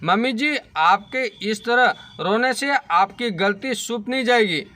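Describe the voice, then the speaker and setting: A man's voice: high voice, expressive, a little slow, pushed and bright, heavily acted. A man voicing a wronged young bride. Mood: pleading. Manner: pleading, indignant. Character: young married woman, wronged daughter-in-law.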